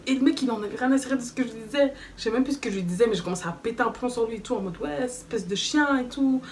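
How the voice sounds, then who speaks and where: A young woman telling a story in a casual vlog, animated and slangy, acting out quoted dialogue. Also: on the high side, rapid-fire. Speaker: vlogger. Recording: slightly distant mic with faint background noise.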